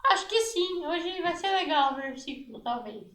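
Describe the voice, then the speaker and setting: Lady doing a super high squeaky puppet kid, chirpy and eager, echoey room. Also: animated, normal speed, a bit bright, slight background noise. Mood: thoughtful. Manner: chirpy, playful child talk. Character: cheerful young boy puppet, eager helper. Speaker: puppet sidekick.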